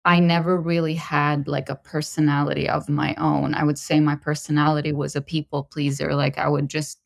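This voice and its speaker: Low-voiced, reflective woman guest. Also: vocal fry, no room sound, studio quality. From Lebanon. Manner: measured and introspective, pausing to find words. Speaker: podcast guest. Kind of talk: reflective personal storytelling.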